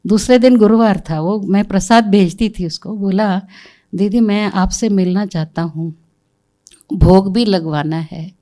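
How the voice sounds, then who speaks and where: A woman's voice: medium pitch, measured pace. A middle-aged woman, a spiritual center administrator, telling a storytelling talk and quoting people in dialogue. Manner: animated, quotes people in dialogue.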